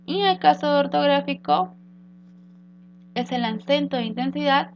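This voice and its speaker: Female teacher, fairly high and gravelly, patient explainer, dull lo-fi recording with mains hum. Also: lively intonation. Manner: explains slowly with rhetorical questions and fillers. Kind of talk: recorded grammar lesson.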